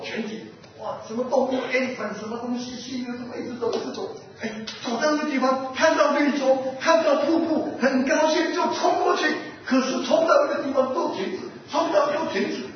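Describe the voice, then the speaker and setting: A man delivers a lively sermon, firing questions at his listeners and acting out a fable about animals. His voice sits unusually high. The recording is muffled and noisy, taken from far off in a strongly echoing hall. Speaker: pastor. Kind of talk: sermon with storytelling.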